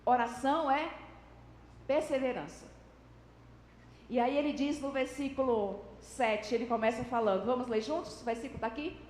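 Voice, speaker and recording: A woman's voice: high-pitched, moderate pace, darkish tone, slight background noise. A woman preaching a sermon to a congregation, explaining scripture and acting out everyday examples with shifting intonation. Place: church hall. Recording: echoey church hall with long reverb.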